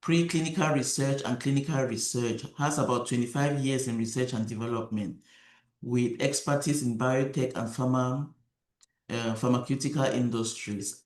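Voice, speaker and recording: A man moderating an online panel, upbeat and quick to give thanks over a video call. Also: medium pitch. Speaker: webinar moderator. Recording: roomy echoey sound.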